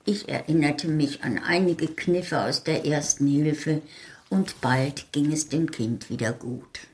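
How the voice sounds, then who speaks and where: Woman, author reading her short story, low voice, very slow, calm, measured.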